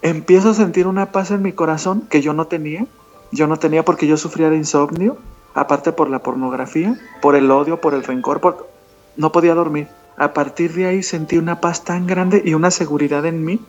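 A man's voice: a little high, steady tone, a little fast. A man earnestly telling a personal testimony as an interview guest, calling the listener "hermanita". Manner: earnest storyteller who addresses the listener as "hermanita". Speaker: guest telling his conversion story. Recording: dull lo-fi sound with faint music behind.

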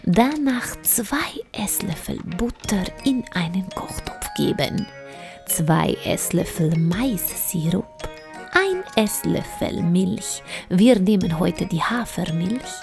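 A woman's voice: on the low side, very animated, slow pace, creaky, full character voice. A woman voicing a cheerful, proud male bear chef in a children's audio story, speaking in an encouraging teacher's tone. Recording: soft music underneath.

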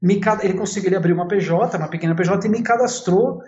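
A man in his forties, an entrepreneur from Italy and São Paulo, Brazil, tells his own story as an interview guest, speaking casually and talkatively with a São Paulo Brazilian accent. His high-pitched voice is fast and a little mellow, and he often repeats and rephrases himself. The recording sounds roomy and slightly dull.

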